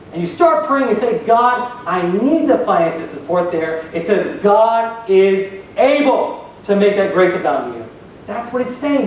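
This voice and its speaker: A pastor preaches to his congregation in a high male voice, throwing questions out to the room. His words ring through a large, strongly echoing hall. He sounds set back from the microphone, with a faint low rumble underneath. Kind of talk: sermon. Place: church hall. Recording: echoey hall, voice from far off.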